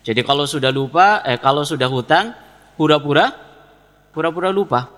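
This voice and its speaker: Briskly and in a slightly high, fairly bright voice, a Javanese-accented Indonesian preacher gives a religious lecture. He reads from Arabic text before explaining it to the congregation, using repeated phrases and self-answered questions, with long hall reverb on the audio.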